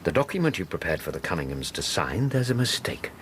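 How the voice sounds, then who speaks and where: An actor playing an earnest, protective English gentleman doctor in a radio drama, speaking emphatically. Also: deep voice, sing-song, fast, a little hiss or hum. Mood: worried, stern.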